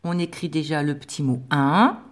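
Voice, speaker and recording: A woman teacher giving a slow, patient dictation lesson to young pupils, spelling out sounds with careful articulation. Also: sits low. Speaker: primary school teacher.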